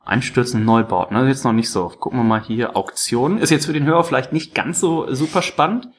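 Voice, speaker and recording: A man hosting a casual podcast, telling rambling, animated stories. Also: mid-range voice, fairly quick. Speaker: podcast host. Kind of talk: casual chat.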